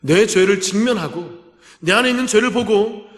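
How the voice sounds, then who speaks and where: High-voiced pastor preaching in an echoey hall. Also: male voice, moderate pace. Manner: preaching with questions to the congregation, acting out pleading voices. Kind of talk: sermon. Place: church sanctuary. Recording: echoey church hall with long reverb.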